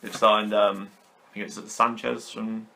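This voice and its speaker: A man from Britain co-hosting a football podcast, giving short agreements and measured opinions. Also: on the low side, level tone, creaky, sharp tone, a little hiss or hum. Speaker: podcast co-host. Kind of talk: casual chat.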